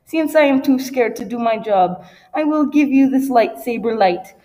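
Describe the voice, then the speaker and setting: A man's voice: expressive, moderate pace, mellow, big-room sound, low-quality recording. A man voicing a timid little male painter who speaks in broken grammar. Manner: high put-on voice with broken grammar.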